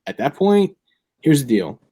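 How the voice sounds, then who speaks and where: A man's voice: medium pitch, very animated, measured pace, warm tone, breathy edge. A young man co-hosting a fantasy football talk show, chatting casually and thinking aloud with lots of fillers. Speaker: fantasy football podcast co-host. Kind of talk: casual chat.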